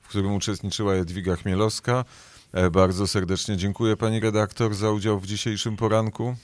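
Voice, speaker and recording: A man's voice: lowish voice, flat delivery, a little fast, no room sound. A man presenting a live morning radio programme as its host, in a studio.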